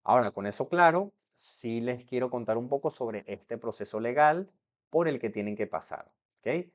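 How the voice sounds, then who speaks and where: A man's voice: medium pitch, animated, moderate pace. A young man from Venezuela explaining to camera how he moved abroad, in a chatty way that keeps checking in with the viewer. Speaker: vlogger.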